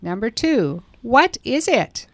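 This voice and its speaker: Female lesson reader, slow, careful prompts, very dry studio sound. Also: fairly high pitch, very animated, dry recording. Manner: slow, clearly enunciated prompts. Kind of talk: scripted language lesson dialogue.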